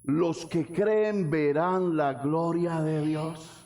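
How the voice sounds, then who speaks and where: A man preaching a sermon as pastor, asking the congregation questions and swinging from soft low lines to shouted ones. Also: steady tone, drawn-out words, crowd noise.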